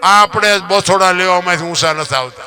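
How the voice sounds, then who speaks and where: A man's voice: high voice, moderate pace. A man, telling folk stories in a moralizing talk, preachy, full of rhetorical questions and lines he half-sings. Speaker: folk storyteller and writer. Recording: clear guitar music under the voice. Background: guitar music playing.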